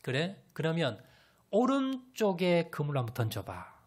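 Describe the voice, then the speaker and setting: Soft-spoken fatherly man , as a preacher puts him on, calm and lowered, with a lively rise and fall. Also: measured pace, breathy edge, full character voice. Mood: gentle. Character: gentle, fatherly man speaking softly to his followers.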